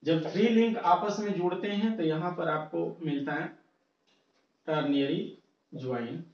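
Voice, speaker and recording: A man's voice: a little high, a little slow. A male engineering teacher giving a classroom lecture, counting through an example step by step and mixing English technical terms into his talk. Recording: far-off, roomy, muffled lo-fi sound.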